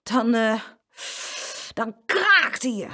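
A woman voicing a calm, good-natured older boy who speaks reluctantly. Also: fairly high pitch, drawn-out words, voice pushed up, full character voice. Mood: teasing.

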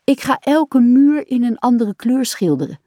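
A woman's voice: on the high side, expressive, measured pace, warm tone, no echo, studio quality, pitched above the performer's own voice. A woman reading aloud and voicing a chirpy, eager female duck in a storybook.

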